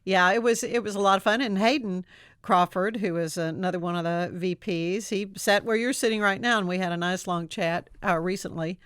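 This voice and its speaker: A woman's voice: mid-range voice, a little fast, fairly bright tone, smooth, no echo, clean studio sound. A woman hosting a casual interview, talking in a conversational way. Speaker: interview host.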